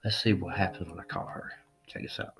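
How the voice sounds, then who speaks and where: A man's voice: deep voice, fairly even intonation, fairly quick. A middle-aged man hosting a podcast, chatting casually and joking crudely while making prank calls. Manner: laid-back, joking, crude. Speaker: podcast host.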